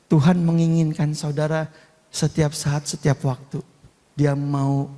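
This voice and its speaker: A middle-aged man preaching a sermon, lively and chatty, often turning to the congregation. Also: medium pitch, gravelly. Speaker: pastor. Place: church hall. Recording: long reverb of a large hall.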